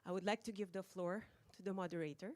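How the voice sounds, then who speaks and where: A woman's voice: fairly low pitch, steady tone. Breathless woman welcoming a session. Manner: warm, informal, halting with fillers. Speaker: conference organizer opening a session. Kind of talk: welcoming remarks. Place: conference breakout room.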